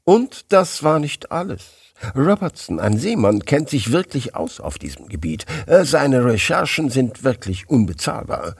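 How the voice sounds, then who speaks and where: A man voicing an excitable, easily agitated male newspaper editor in an audiobook, his voice rising high when eager. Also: measured pace, creaky, husky, no room sound, studio quality, exaggerated voice. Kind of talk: audiobook character voice.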